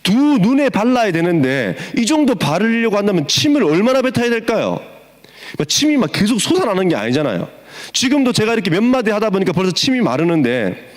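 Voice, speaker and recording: Man, pastor, high lively voice, animated sermon, long hall reverb. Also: a little fast. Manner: animated, acts out the scene with quoted voices. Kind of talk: sermon to students.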